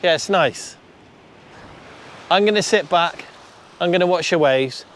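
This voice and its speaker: A man's voice: high-pitched, measured pace, a bit bright. Male angler vlogger, casual and mumbly, outdoors with crashing surf. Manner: chatty, mutters to himself, swears casually. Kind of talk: casual outdoor fishing vlog. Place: shingle beach by the sea, outdoors. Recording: surf noise behind.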